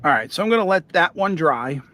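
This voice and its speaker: A man hosting a casual livestream about model railroading, talking in a relaxed, rambling way with plenty of fillers while he paints. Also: on the high side, fairly quick. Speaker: model railroad hobbyist host.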